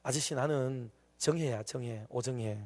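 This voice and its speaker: A man's voice: medium pitch, moderate pace, darkish tone, natural voice. A pestering little girl, as a preacher puts her on. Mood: chatty. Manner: pestering, cheeky, precocious. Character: chatty nine-year-old hospital girl. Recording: long reverb of a church hall.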